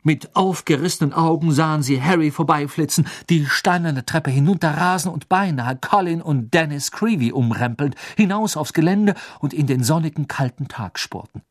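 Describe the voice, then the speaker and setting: A man reading a novel aloud as an audiobook narrator, telling the story in a lively way and voicing the characters' quotes. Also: on the high side, moderate pace, hardly any pauses, no room sound, clean studio sound.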